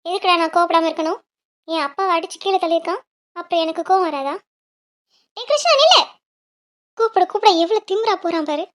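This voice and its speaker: A woman voicing a quick-tempered young female student, sharp and worried for her family. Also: very high voice, pitched above the performer's own voice. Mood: angry.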